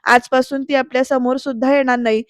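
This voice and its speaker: A man's voice: very high voice, flat delivery, a little fast, fairly bright tone, clean tone, no room sound, studio quality. A woman voicing a cold, curt young man who speaks dismissively and sarcastically.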